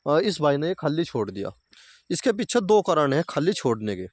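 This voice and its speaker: A man stands out by the fields, giving fellow farmers plain advice and going over each point twice. His voice sits a little high. The sound is dry and close. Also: sing-song, moderate pace, dry recording. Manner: plain-spoken, repeats points, addresses viewers as farmer brothers. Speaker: farming video host. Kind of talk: casual advice talk to farmers. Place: outdoors by sugarcane fields.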